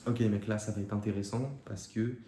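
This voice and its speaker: A man's voice: fairly low pitch, fairly even intonation, brisk, warm tone. A young man answering viewer questions in a casual, slangy way, with many fillers and restarts. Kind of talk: casual Q&A chat to camera. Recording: echoey room with faint ambient noise.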